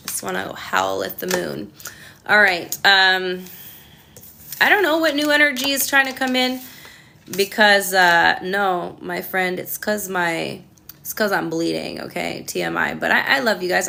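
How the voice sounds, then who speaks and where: A woman's voice: lowish voice, vocal fry, pushed and bright, slight background noise. A young woman reading tarot cards and chatting with her viewers, passionate and ranting as she talks. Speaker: tarot reader. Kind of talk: casual tarot reading answering live chat.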